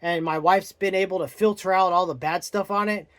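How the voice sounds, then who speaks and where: A man's voice: sits high, steady tone, fairly quick. A young man casually reviewing a book on his vlog, rambling and often searching for words.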